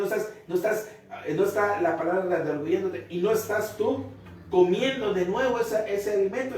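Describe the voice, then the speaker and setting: A man with a high, darkish voice preaches a family Bible study sermon, earnestly repeating phrases and questioning his listeners. He's off-mic and distant in a very echoey room, with slight background noise.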